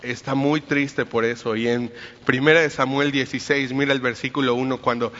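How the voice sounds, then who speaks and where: A man's voice: medium pitch, fairly even intonation, normal speed, fairly bright tone. A man preaching a conversational sermon, retelling scripture in everyday, storytelling speech. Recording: reverberant hall, dull lo-fi sound.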